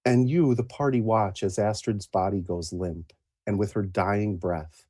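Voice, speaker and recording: A man with a husky voice telling a dramatic story as game master of a tabletop game. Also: lowish voice, unhurried, warm tone, no echo, studio quality.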